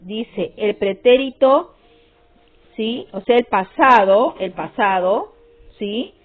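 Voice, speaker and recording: Female teacher, slow deliberate delivery, repeats herself, tinny phone-quality recording with faint music. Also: fairly high pitch. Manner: repetitive, checks with frequent "¿sí?" and "¿no?". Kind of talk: classroom grammar lesson.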